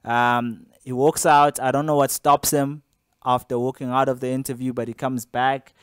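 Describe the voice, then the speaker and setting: A man's voice: mid-range voice, flat delivery, moderate pace, clear, resonant tone, dry recording, clean studio sound. A young man casually recounting to camera something that happened to him at an interview, rambling along with lots of fillers and restarts.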